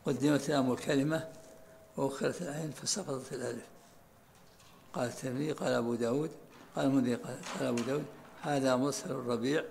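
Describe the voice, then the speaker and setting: A man's voice: medium pitch, steady tone, quick pace, gravelly, long pauses, a little mellow, slight background noise. A man, a sheikh explaining a religious text by repeating and rereading its lines. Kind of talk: commentary in a religious lesson.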